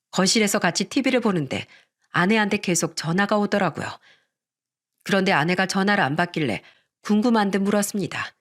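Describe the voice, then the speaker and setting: A woman narrating a radio story in the first person with calm, even storytelling. Her voice sits at a middle pitch and her reading is scripted and steady.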